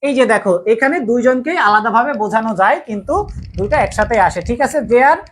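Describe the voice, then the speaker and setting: A woman's voice: a little high, fast. A woman teaching a casual grammar lesson, patiently repeating key points and asking the class rhetorical questions. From Bangladesh.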